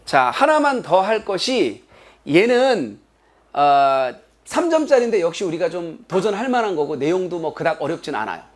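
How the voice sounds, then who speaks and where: Animated high-voiced male lecturer. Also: moderate pace. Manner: animated, acts out quoted children in a higher voice. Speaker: English lecturer. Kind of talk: exam prep lecture. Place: classroom.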